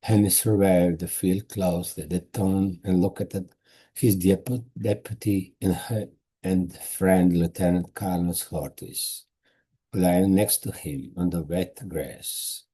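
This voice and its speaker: Croatian-accented male author, non-native, reads own book slowly, low husky voice. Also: steady tone, dark tone. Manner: slow careful non-native reading with restarts. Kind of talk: reading his own novel aloud.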